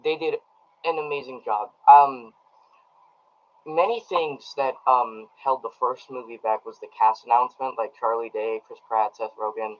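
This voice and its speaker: A man's voice: mid-range voice, fairly even intonation, normal speed. Rambling man streaming a movie review. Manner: rambling, many ums and restarts; talks straight to his live chat. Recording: dull lo-fi audio.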